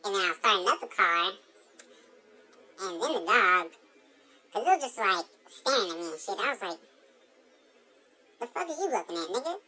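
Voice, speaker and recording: A woman's voice: a little high, pushed and bright. A woman voicing a foul-mouthed drunk chipmunk in a comedic monologue, brash and heavy on slang and swearing.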